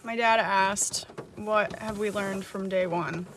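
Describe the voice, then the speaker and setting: A woman's voice: mid-range voice, steady tone, slow pace. A young woman chatting casually and laughing often as a vlogger at a rainy campsite. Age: young adult. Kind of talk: casual vlog chat. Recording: noisy outdoor campsite recording. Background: rain and outdoor ambience.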